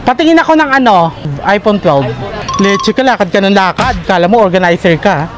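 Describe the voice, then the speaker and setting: A vlogger chatting casually to a handheld phone camera, excitable and joking, out on city streets and in a shop. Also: mid-range voice, a little fast, music in the background, low-quality recording. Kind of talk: casual vlog chat. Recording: busy street noise. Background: traffic noise.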